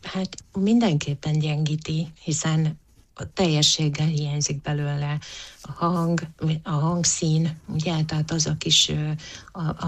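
A woman answering interview questions as a psychologist, thoughtful, with frequent hesitations and restarts. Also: sits low. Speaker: psychologist guest.

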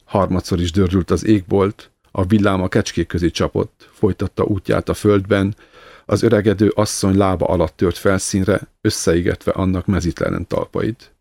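Egy férfi nyugodt, kimért hangon olvas fel egy irodalmi elbeszélést. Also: male voice, low-pitched, creaky, no echo. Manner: calm, measured reading. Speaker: narrator. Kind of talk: scripted narration of a literary story.

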